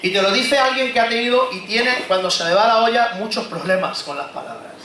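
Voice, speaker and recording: A pastor preaching a conversational sermon, acting out inner monologues and asking the congregation rhetorical questions. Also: male voice, sits high, fairly quick, sharp tone, slight background noise. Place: church hall. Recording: echoey church hall, faint ambience.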